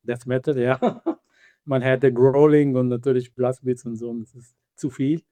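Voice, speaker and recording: A band member whose first language is Hebrew answers interview questions about his group in an Israeli accent. His speech is halting, full of fillers, and shows some non-native grammar. His mid-range voice stays steady and warm, with no room sound.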